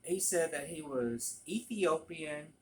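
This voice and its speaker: A vlogger telling a work story in an animated, profane storytime manner. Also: medium pitch, slow. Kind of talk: storytime vlog.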